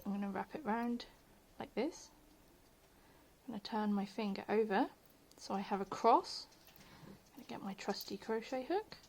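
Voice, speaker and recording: A woman talks through a beginner crochet lesson in a relaxed, chatty way, at a middling pitch for a woman. She is self-deprecating and slips into soft near-whispers as she concentrates on her hands. She admits to having a slightly posh telephone voice on. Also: moderate pace, a little hiss or hum. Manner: chatty, self-deprecating, drops to murmurs while working. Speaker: crochet tutorial host. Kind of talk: casual home tutorial.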